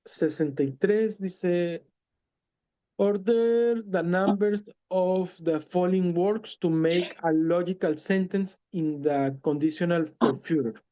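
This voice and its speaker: Male language teacher, unhurried and mellow, patient step-by-step explainer who hesitates and self-corrects, on a dull lo-fi recording. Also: fairly high pitch. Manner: patient, repeats words and translates step by step. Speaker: English teacher. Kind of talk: explaining an English lesson in Spanish.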